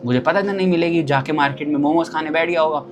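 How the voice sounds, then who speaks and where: A young man telling a travel story casually and lively, acting out the people he met. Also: on the high side, fast, music in the background.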